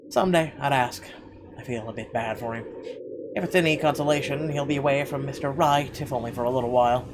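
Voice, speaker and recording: Talking fast in a medium-pitched voice, this man hosts a gaming video, reading out the game's narration and reacting in a casual, irreverent and profane way. Game music is clearly audible behind his voice, alongside background noise.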